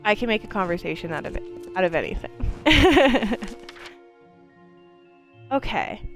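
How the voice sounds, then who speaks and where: A woman's voice: medium pitch, big pitch swings, unhurried, faint music behind, rough recording. A young woman from Maine, a streamer, chatting casually and swearing freely while she plays a game. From Maine, USA. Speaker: livestreamer.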